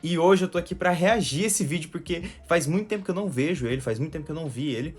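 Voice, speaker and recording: A young man from Brazil with a Brazilian Portuguese accent, talking casually in a reaction vlog, chatty and quick to laugh. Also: a little high. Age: young adult. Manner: chatty, laughs often, repeats himself. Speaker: vlogger.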